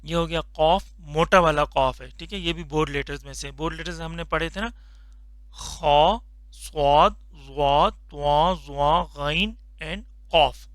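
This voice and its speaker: A man teaching a Quran reading lesson, slowly drawing out each letter sound for learners to repeat, patient and instructive. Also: fairly high pitch, fairly bright tone, no echo. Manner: slow drawn-out recitation of letter sounds for repetition. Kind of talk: Noorani Qaida tajweed lesson.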